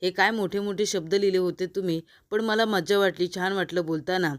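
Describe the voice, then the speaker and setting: A woman voicing a confident, playful young husband in a serial recap, calm and self-assured. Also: lowish voice, fairly quick, close to an everyday voice.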